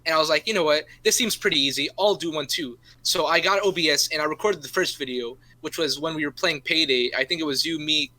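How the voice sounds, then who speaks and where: A man's voice: fairly high pitch, fast talker, few pauses, pushed and bright. A young man on a podcast, telling a long casual story, swearing often and tagging "right?" onto his sentences. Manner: rambling, swears a lot, keeps adding "right?". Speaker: podcast co-host. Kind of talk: casual chat.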